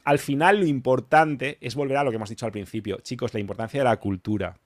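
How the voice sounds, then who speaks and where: A man's voice: mid-range voice, quick pace, no room sound, clean studio sound. A man from Spain with a Valencian accent, hosting a casual podcast chat in a blunt, emphatic manner, swearing freely. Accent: Valencian Spanish. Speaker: podcast host.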